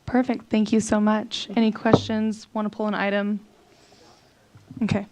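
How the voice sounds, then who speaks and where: A woman's voice: mid-range voice, little pitch movement, normal speed, darkish tone. A woman chairing a council meeting, asking questions in a friendly, appreciative way.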